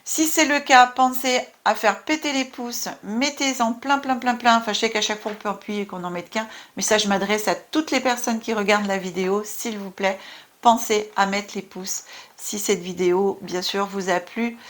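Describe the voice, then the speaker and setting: A tarot card reader with a French accent gives a casual spiritual reading, warm and chatty with many fillers and asides. She speaks at normal speed with a medium-pitched voice.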